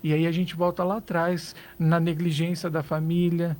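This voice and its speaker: A Brazilian man with a notably high-pitched voice speaks as a psychologist guest in a radio studio. He advises earnestly, leaning on rhetorical questions to press his points. His pace is conversational. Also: flat delivery, normal speed, a little mellow. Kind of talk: radio interview advice.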